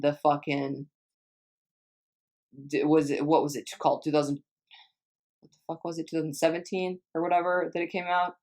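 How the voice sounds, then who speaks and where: A woman's voice: sits low, a little mellow. A young woman from Texas chatting casually as a vlogger, rambling and swearing a lot, trailing off and restarting often. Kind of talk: casual chat answering viewer questions.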